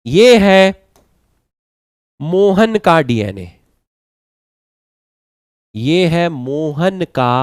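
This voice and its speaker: A man teaching biology, slowly dictating and repeating phrases for students to write down, mixing terms into his talk. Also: a little high, clear, resonant tone, dry recording. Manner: repeats phrases slowly for note-taking, mixes English terms. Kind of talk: lecture, dictating notes.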